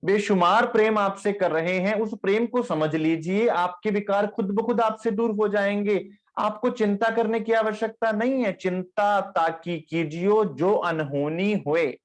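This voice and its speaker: Tenderly addressing his audience, a man with a high-pitched voice delivers a devotional discourse on scripture as a spiritual teacher. At times he slowly chants the verse lines.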